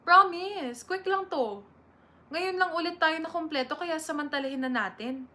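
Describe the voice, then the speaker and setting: In an amateur dramatic reading, a Filipino woman portrays a chatty, proud, bossy college instructor in her thirties, sounding officious. Her voice sits high, pushed and bright, at normal speed, with faint background noise.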